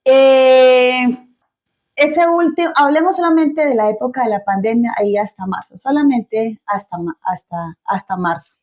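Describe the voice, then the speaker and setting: A woman's voice: high voice, measured pace, darkish tone. A woman hosting a church interview program, who exhorts listeners in an uplifting, preaching way.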